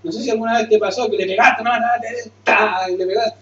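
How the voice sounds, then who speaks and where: A man's voice: high voice, fairly even intonation, a little fast, fairly bright tone, a little hiss or hum. A man preaching a conversational sermon as a pastor, asking and answering his own questions, then closing in prayer. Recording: roomy, distant, muffled sound.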